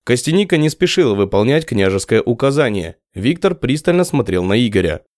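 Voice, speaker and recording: A man narrating an audiobook in a lively storytelling manner. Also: mid-range voice, a little fast, dry recording, studio quality. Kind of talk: scripted narration.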